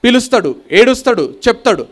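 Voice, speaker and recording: A man with a Telangana Telugu accent addresses a school gathering in a high, light voice. He tells his story with animation and moves easily between Telugu and English as he makes his points. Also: very animated, brisk. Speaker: guest speaker. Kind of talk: motivational speech with a story. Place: school annual day event.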